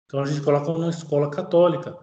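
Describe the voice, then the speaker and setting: A man's voice: on the high side, little pitch movement, dark tone, muffled recording. Man preaching in an echoey room. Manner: alternates slow solemn reading with quick conversational commentary. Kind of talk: sermon commenting on a read text.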